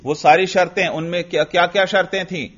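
A man's voice: high voice, steady tone, fairly bright tone, lo-fi sound. A man teaching Arabic grammar in a classroom lesson, asking questions and answering them himself step by step.

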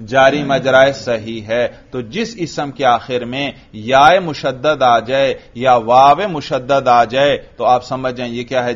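Man teaching grammar, questioning the class. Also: medium pitch. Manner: asks the class questions and answers them himself, repeats key terms slowly. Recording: dull lo-fi recording.

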